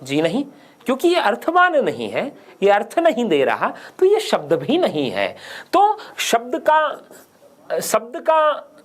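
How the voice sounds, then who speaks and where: A man's voice: extremely high pitch, huge pitch swings, slow. A man teaching grammar in a studio for an exam-prep lesson, emphatic and asking and answering his own questions.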